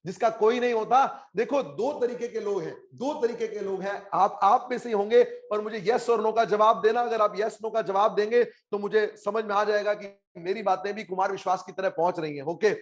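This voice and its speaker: A man's voice: sits high, brisk, few pauses. A man with an Indian English accent teaching a live online class, mixing Hindi and English and urging students to reply in the chat. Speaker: online exam coaching teacher.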